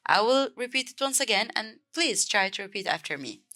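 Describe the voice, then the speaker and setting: Lively Egyptian woman teaching Arabic. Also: on the high side, a little fast. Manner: clear, repeats each word several times. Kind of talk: beginner language lesson.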